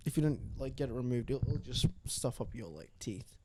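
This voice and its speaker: A man's voice: medium pitch, lively intonation, dark tone, slightly rough. A young man co-hosting a podcast, rambling and chatty with lots of fillers. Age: young adult. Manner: chatty, rambling, filler-heavy, quick to laugh. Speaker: podcast co-host. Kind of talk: casual chat.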